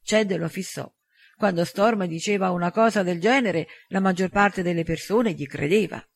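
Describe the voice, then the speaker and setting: A man reading an audiobook in an even, measured narration. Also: sits high.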